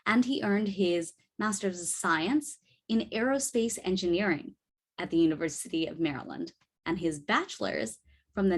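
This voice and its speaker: A woman emceeing a talent show in a cheerful, upbeat way and introducing the next act. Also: medium pitch. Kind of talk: event hosting.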